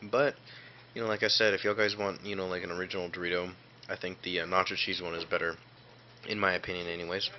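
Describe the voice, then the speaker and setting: A man's voice: deep voice, flat delivery, fast. A man casually chatting through a snack review in a laid-back, rambling way. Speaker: food review vlogger. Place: small cluttered room indoors. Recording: dull lo-fi audio with hum and clicks.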